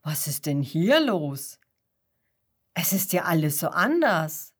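A woman's voice: expressive, slow, full character voice. A woman doing a puzzled old shepherd. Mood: wondering. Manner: lowered voice, wondering questions. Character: puzzled older male shepherd, gentle and wondering.

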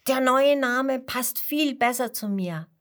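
A woman doing squeaky excited sheep. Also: slow. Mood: happy. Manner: bright, exclaiming. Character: high-pitched excited sheep of a flock.

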